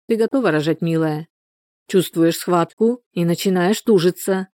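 A woman's voice: lowish voice, normal speed, darkish tone, no room sound, clean studio sound, lightly acted. A woman voicing a firm, instructive young woman guiding a friend through labor in an audiobook. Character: calm, bossy young woman helping at a birth. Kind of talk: audiobook character voice.

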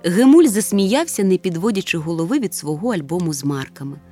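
A woman's voice: on the low side, fairly quick. Woman reading a storybook aloud. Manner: lively, expressive reading. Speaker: audiobook narrator. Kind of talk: storybook narration. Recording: soft music under the reading.

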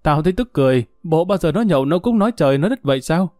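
A man's voice: fairly high pitch, lively intonation, racing, a little mellow, no room sound, clean studio sound, faint music behind, voice pushed up, natural voice. A man voicing a jovial middle-aged local boss, chatting in an easygoing, amused way.

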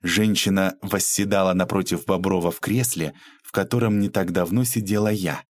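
A man narrating an audiobook with an expressive reading. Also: low-pitched, moderate pace.

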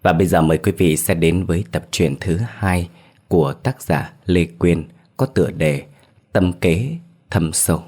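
Deep-voiced male storyteller. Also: husky. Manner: calm, measured storytelling. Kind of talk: scripted ghost story narration.

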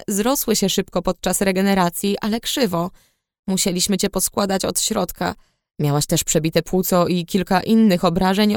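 A woman voicing a gentle male alchemist healer who speaks calmly and reassuringly, her voice lowered for him. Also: no echo, clean studio sound, natural voice. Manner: calm, soft-spoken, reassuring.

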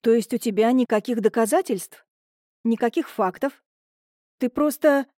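A woman's voice: a little slow, dark tone, dry recording, clean studio sound. A woman voicing an emotional young woman who pleads and protests tearfully in an audiobook. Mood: upset. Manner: shrill, pleading, agitated.

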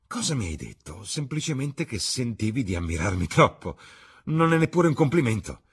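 A man's voice: medium pitch, sing-song, normal speed, slightly rough, voice pushed up, exaggerated voice. A man reading the part of a charming, vain young aristocrat in an audiobook, with a light and emphatic delivery. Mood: guarded.

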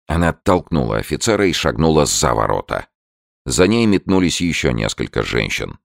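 Male audiobook narrator, very deep voice, gravelly, lively intonation, dry close sound. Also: no echo.

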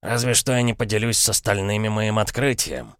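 A scheming middle-aged uncle, all smooth mock courtesy and ironic self-regard, as a male narrator puts him on higher than his own voice. He purrs his lines with a knowing, pompous air. The storybook reading sits close and dry, with no room around it. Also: a little fast, fairly bright tone, no echo, lightly acted. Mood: smug. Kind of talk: audiobook character voice.

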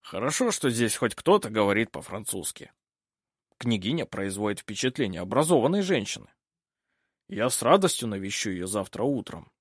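A man playing a self-assured older French baron in an audiobook, husky and measured. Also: on the low side, very animated, no room sound, clean studio sound. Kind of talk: audiobook character reading.

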